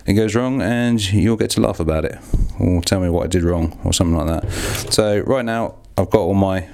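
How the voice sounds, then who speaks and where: A low-voiced man with a gravelly, crackly edge, talking in a loose, rambling way. He pokes fun at himself and swears casually as he works through a task, like a podcast host chatting to his listeners. He speaks from a small, echoey home darkroom. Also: fairly quick, a little mellow. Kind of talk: casual hands-on monologue.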